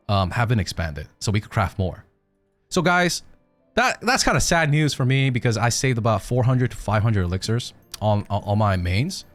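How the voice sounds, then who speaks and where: A man streaming a casual breakdown of game news, his pitch swinging up and down as he talks. He swears freely and keeps tossing in "dude" and "okay?". Faint music plays underneath. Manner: animated and profane, peppers with "okay?" and "dude".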